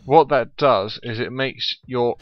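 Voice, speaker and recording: A man's voice: medium pitch, slow pace, dull audio. A man doing casual let's play commentary in a chatty, explanatory, self-deprecating way.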